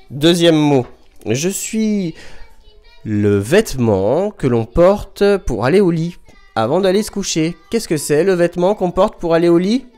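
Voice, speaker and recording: A man who is a primary school teacher, giving a remote lesson to young children at home, speaking slowly and clearly, sounding out syllables and counting down before each answer. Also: on the high side, dark tone. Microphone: microphone in front of a camera.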